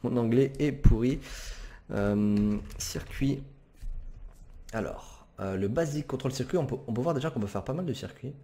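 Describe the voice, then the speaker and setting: A man's voice: mid-range voice, moderate pace, mellow. A man commenting as he plays a game, hesitant and chatty, with many fillers and self-corrections. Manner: apologizes for swearing, casual and chatty. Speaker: gamer commentator. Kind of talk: let's play commentary.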